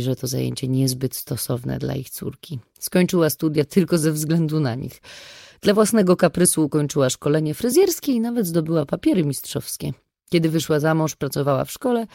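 A woman's voice: low-pitched, gravelly, mellow, no echo, studio quality, full character voice. A reader voicing a frank middle-aged woman confiding in a friend in an audiobook. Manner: chatty, confiding. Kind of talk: audiobook reading.

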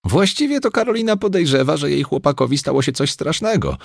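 A man's voice: on the high side, sing-song, creaky, no room sound, studio quality, voice pushed up, heavily acted. A man doing a chatty, pushy young waitress. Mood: insistent. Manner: rapid, insistent and overfamiliar.

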